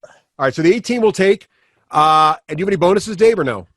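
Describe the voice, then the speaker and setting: A man running a tabletop game as game master, relaxed and laughing easily as he gives rulings. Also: sits high, quick pace, no echo, studio quality.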